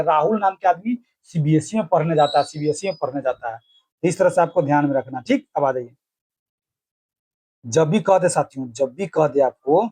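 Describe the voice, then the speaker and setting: A man with a fairly high voice teaches an exam-prep lesson. He repeats each point several times and builds silly memory tricks around it, speaking casually to his viewers as friends. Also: darkish tone, slightly rough.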